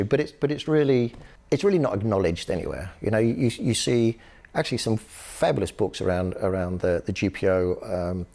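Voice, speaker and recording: A man, an author and activist, explaining history in a relaxed interview, telling stories with lots of ums and restarts. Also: lowish voice, vocal fry. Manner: lively storytelling with frequent fillers and restarts. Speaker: author and human rights activist, guest.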